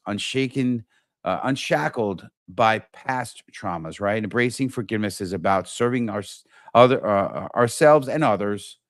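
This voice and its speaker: Speaking to viewers on his live-stream talk show, a middle-aged host is enthusiastic but repetitive, often restarting and repeating words. He has a lowish voice, and the studio-quality recording has no room sound.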